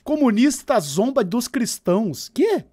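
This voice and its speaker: A man's voice: very high-pitched, big pitch swings, unhurried, breathy edge. A man, giving sarcastic, teasing live commentary as he reacts to a debate for his chat. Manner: sarcastic, teasing, swings from loud to muttered.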